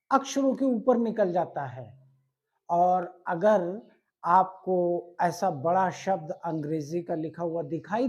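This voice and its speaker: A man's voice: high-pitched, a little mellow. A man teaching an English grammar lesson, patiently breaking words into parts and giving many examples.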